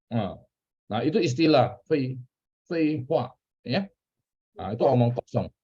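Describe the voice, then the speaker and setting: A man's voice: medium pitch, expressive, unhurried, mellow, slightly rough. A man with an Indonesian accent teaching a church Bible class in a casual, chatty way, asking questions and repeating key words. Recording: dull lo-fi recording.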